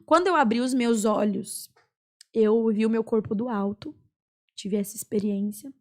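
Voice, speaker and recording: Young brazilian woman telling her story. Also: fairly high pitch. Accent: Brazilian Portuguese. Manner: earnest storytelling with many pauses and fillers. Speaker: podcast guest. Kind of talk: personal testimony in a podcast chat.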